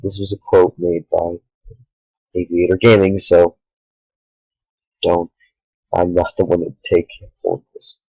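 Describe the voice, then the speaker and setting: A tired young man talking earnestly to the camera late at night, a small YouTuber speaking in halting sentences with sighs. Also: deep voice, level tone, a little mellow, dry recording, highs cut off. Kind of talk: sincere direct-to-camera talk.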